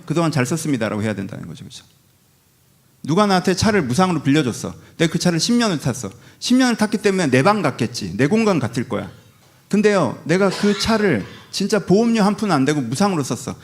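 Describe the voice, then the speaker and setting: A male pastor giving a conversational sermon, full of rhetorical questions and acted-out retorts. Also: fairly high pitch. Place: church sanctuary.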